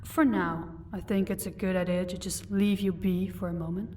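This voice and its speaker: A lowish, slightly mellow female voice with a steady tone and normal speed portrays a mocking, commanding vampire lady married into an estate. Lightly acted and speaking to the listener in an audio roleplay, she stays cool and composed while condescending. She's recorded from a distance, with faint noise in the background.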